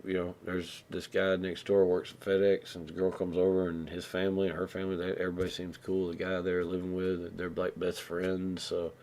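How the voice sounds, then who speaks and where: A man with a low, slightly mellow voice hosts a live stream, speaking a little fast in a completely flat way with hardly any pauses. He tells a long story casually and ramblingly, restarting often and acting out bits of dialogue.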